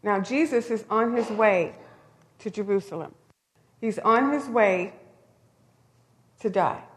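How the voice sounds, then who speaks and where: A woman's voice: mid-range voice, slow. A woman preaching a sermon in a conversational, storytelling way, with emphatic rises. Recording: long hall reverb.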